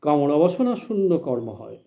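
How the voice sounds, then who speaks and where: A man teaching a spiritual lesson in a measured, explanatory way, asking questions and then answering them himself. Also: a little high, very animated, creaky, warm tone. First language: Bengali. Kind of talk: slow spoken religious lecture.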